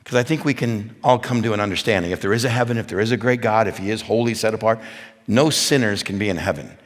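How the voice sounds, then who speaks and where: A man preaching at a men's event, telling stories and building from quiet to loud, emphatic points. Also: fairly low pitch, fast talker. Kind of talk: sermon. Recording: long hall reverb.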